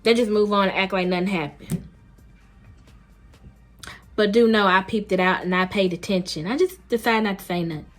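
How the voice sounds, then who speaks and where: A woman's voice: mid-range voice, moderate pace, long pauses, faint music behind. A woman vlogger telling a dating story in a blunt, emphatic, slangy way, casually talking to her viewers.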